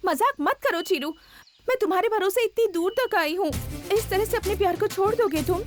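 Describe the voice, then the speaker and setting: A pleading young heroine. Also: female voice, very high voice, expressive, a little fast. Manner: pleading, tearful begging. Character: young woman begging to reach her lover. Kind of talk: Hindi film dub. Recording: dub with music behind.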